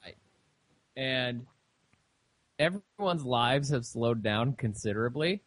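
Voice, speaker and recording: A young man co-hosting a casual podcast chat, talking in a halting way with lots of fillers and restarts. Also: mid-range voice, expressive, fairly bright tone, dry recording. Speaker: podcast co-host.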